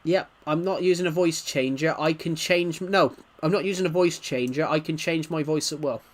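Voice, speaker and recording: A livestream host with a slightly high voice talks at normal speed during a casual gaming stream. Responding to viewer comments, he rambles and stutters.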